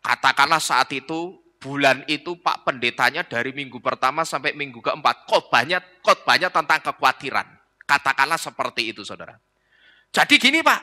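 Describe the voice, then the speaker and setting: A man preaching a sermon, telling a story in drawn-out emphatic phrases. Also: mid-range voice, pushed and bright. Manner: drawn-out emphatic phrases, mixes in Javanese words. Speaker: pastor. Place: church hall. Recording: reverberant church hall.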